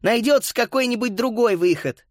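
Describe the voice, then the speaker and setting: A man's voice: very high voice, normal speed, dry recording, clean studio sound, pitched above the performer's own voice. A man voicing a bossy, decisive schoolgirl who urges the class on. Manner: commanding.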